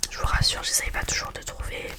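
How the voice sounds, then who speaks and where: A woman speaks in a soft library whisper, presenting children's books for ASMR in a casual, hesitant, chatty way. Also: quick pace.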